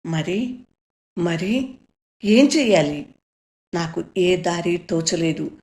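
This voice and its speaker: A woman's voice: lowish voice, expressive, drawn-out words, darkish tone. A woman storyteller reading a first-person story aloud in an earnest, emotive way.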